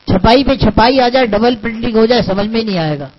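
A man's voice: very high-pitched, dull audio. A man, a religious scholar, preaching a sermon and teaching through parables and rhetorical questions.

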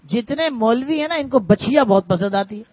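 A man's voice: very high-pitched, lively intonation. A middle-aged man, preaching a sermon in a conversational way, teasing his listeners and calling them brother. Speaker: religious teacher. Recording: muffled lo-fi recording.

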